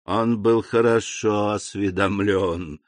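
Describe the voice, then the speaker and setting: A man voicing an indignant aging French king, imperious and frightened, in a commanding voice with sharp outbursts. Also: lowish voice, fairly even intonation, slow, no room sound, pitched below the performer's own voice. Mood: cold, commanding.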